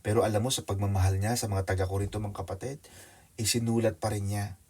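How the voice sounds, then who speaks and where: A man preaching a sermon in church, mixing Tagalog with English, calling on listeners by name, moving between loud excited storytelling and hushed quiet asides. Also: fairly low pitch, fast.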